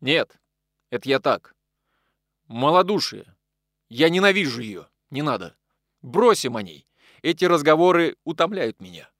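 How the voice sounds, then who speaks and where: A man putting on an agitated, bitter older gentleman. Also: a little high, sing-song, normal speed, no echo, clean studio sound, voice pushed up. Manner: nervous, bitter, raised voice. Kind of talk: audiobook character reading.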